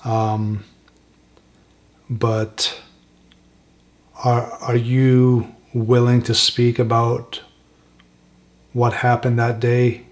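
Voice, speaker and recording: A soft-spoken man hosting a spirit box session, asking gentle questions slowly and leaving pauses for an answer. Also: mid-range voice, monotone. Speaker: paranormal investigator, host.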